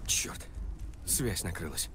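A man's voice: takes it slowly, fairly bright tone. An actor playing a terse male government agent in a dubbed video game, making a radio call as the connection drops out. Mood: frustrated. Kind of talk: video game dubbing, in Russian.

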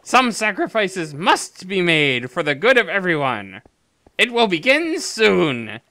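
A man voicing a very old man, a self-righteous villain in a game, speaking slowly and theatrically. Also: sits high, big pitch swings, bright, forceful tone, no room sound, heavily acted. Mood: menacing.

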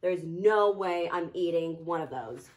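A woman's voice: lowish voice, measured pace, darkish tone, pitched below the performer's own voice, lightly acted. A woman voicing a hungry, picky male cat in a storybook read-aloud, with fussy, whiny complaints.

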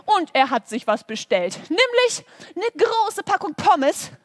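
A woman's voice: very high voice, sing-song, measured pace, no room sound, clean studio sound. Playful, sing-song woman telling a kids' story. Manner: playful, full of sound effects. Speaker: children's church presenter. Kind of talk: animated children's story with movements.

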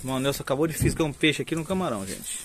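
A man's voice: mid-range voice, lively intonation, rapid-fire, very noisy. A man chatting casually to viewers while filming a fishing trip from an open boat on a phone. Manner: upbeat, chatty, addresses viewers as "gente". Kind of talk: casual narration to camera. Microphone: handheld phone camera.

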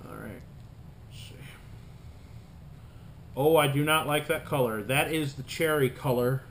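A man in his thirties reviewing sour candy as he eats it, talking casually with hesitant pauses in a small room at home. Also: medium pitch. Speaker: candy reviewer, video host. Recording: room noise, home camera recording.

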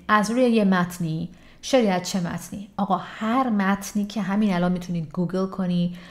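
A woman giving a casual English lesson, explaining quickly and slowing down to model example sentences. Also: fairly low pitch. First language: Persian. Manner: explains lively, slows down to model English phrases. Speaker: English teacher.

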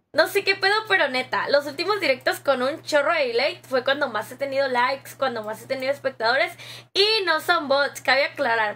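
A young woman with a Mexican accent chats casually with viewers on her gaming stream, reading their comments aloud. Her voice sits high, pushed and bright, and she's slangy and laughs often.

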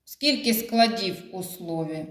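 A woman teacher walks young children through a phonics lesson. She speaks very slowly and stretches out each syllable and sound so they can follow. Her voice rings a little in an echoey room. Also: mid-range voice, lively intonation.

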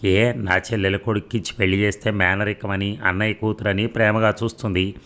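A man's voice: on the low side, little pitch movement, a little fast. A man voicing a stern, commanding, old-fashioned father in a read-aloud story. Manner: shouting, commanding threats.

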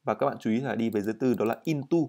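A man's voice: medium pitch, creaky, a little mellow. Man teaching English pronunciation. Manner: models English words slowly, then explains quickly. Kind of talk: vocabulary and pronunciation lesson.

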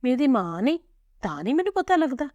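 A woman's voice: on the high side, animated, normal speed, warm tone, smooth, no room sound, lo-fi sound, pitched above the performer's own voice, lightly acted. A woman voicing an anxious young mother who asks pleading questions in a raised voice.

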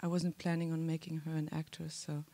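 A woman talks into a handheld mic on a large theater stage. Her voice is gravelly with a lot of fry and stays fairly flat in pitch. She speaks candidly and playfully, with a self-deprecating touch. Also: fairly quick. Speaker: actress. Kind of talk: festival panel talk.

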